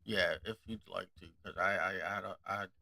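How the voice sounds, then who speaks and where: A man's voice: low voice, steady tone, fast talker, creaky, pushed and bright. A man playing a defense lawyer in training in a courtroom role-play game, talking with nervous restarts and apologies. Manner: stammering, apologetic, restarts sentences.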